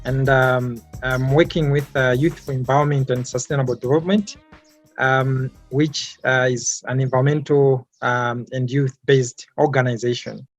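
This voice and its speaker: A man's voice: medium pitch, fairly even intonation, moderate pace, no room sound, faint music behind. Hesitant young Malawian man, dry sound. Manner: hesitant, many fillers and repeated words. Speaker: interviewee, climate activist. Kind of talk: interview answers.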